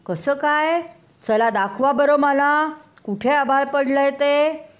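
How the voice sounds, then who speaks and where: A woman voicing a calm, regal lion king in a children's story, asking slow, measured questions. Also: high voice, pitched above the performer's own voice.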